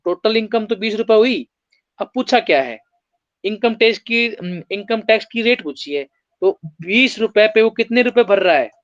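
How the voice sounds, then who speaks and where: A man's voice: high voice, no room sound, muffled recording. A man teaching an exam-prep maths lesson, explaining step by step and putting rhetorical questions to his students.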